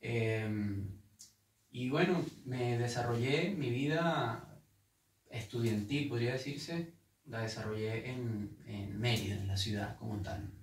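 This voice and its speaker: A man's voice: mid-range voice, slow pace. A man from Venezuela with a Venezuelan accent, a guest guitarist telling his story earnestly with many repeated words. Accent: Venezuelan Spanish. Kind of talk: casual interview. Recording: echoey room, mic at a distance.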